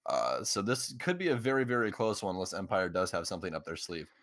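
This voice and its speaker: A man's voice: sits low, very animated, quick pace, fairly bright tone, dry recording. A man co-casting a live esports final, enthusiastic and a bit rambling with lots of "uh"s. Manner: enthusiastic, rambling, filler-heavy. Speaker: esports co-caster.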